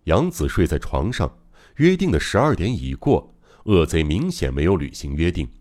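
A man's voice: deep voice, sing-song, normal speed, darkish tone. A man narrating a mystery novel as an audiobook, in a dramatic, suspenseful reading. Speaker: audiobook reader.

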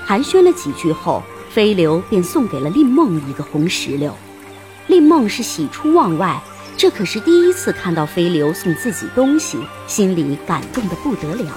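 Expressive woman narrating an audiobook. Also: medium pitch, normal speed, faint music behind. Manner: expressive, storytelling.

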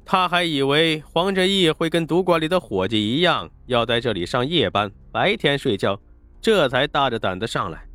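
A man narrating an audiobook with expressive storytelling. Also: mid-range voice, no room sound.

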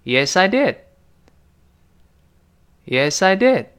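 A male English teacher giving a spoken-English lesson, switching between chatty explanation and slow, stretched-out demonstrations of how words are pronounced. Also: sits high, smooth. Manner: animated, drawn-out demonstrations of pronunciation; chatty, classroom storytelling tone.

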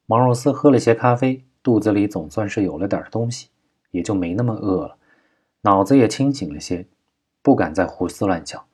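A man narrating a crime novel audiobook at a steady, measured pace. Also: fairly low pitch, slightly rough.

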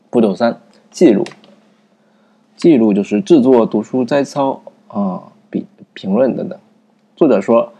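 A man talking through a book's reading method in a casual, unscripted way, pausing often with fillers and restarting his sentences. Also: sits low, vocal fry, mellow, slightly rough. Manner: thinking aloud with many fillers and restarts. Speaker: book review narrator. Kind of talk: casual spoken book summary.

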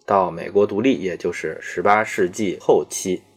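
A man giving a measured, explanatory lecture, pausing often on fillers and slowing down to demonstrate English words. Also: sits low, fairly even intonation, husky. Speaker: video lecturer on English accents.

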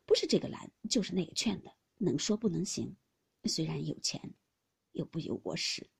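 Storybook role: soft-hearted sheltered young lord, earnest, gravelly tone, as a female narrator puts him on. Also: low-pitched, very animated, normal speed, pitched below the performer's own voice, full character voice. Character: tender-hearted young nobleman, emotional and sheltered.

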